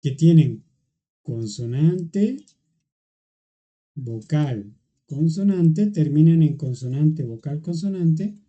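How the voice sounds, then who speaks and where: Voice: medium pitch, animated, slow, pauses often, dark tone, lo-fi sound. A teacher explaining grammar in an online class, going patiently step by step and checking in often with the students. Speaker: English teacher.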